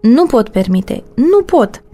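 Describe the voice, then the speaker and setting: A woman reading a novel aloud, voicing an angry, stubborn husband who shouts his refusals in clipped, insistent lines. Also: on the high side, very animated, faint music behind, pitched above the performer's own voice. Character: angry man, stubborn and cold-hearted husband. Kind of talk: audiobook reading.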